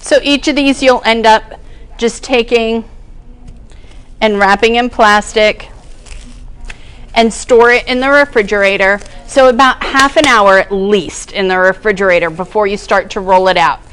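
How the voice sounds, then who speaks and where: A woman's voice: medium pitch, fairly even intonation, measured pace, a bit bright, clear, resonant tone. A woman cooking instructor giving a casual demonstration in a kitchen classroom, chatting through each step as she works. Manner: chatty, explains each step while working.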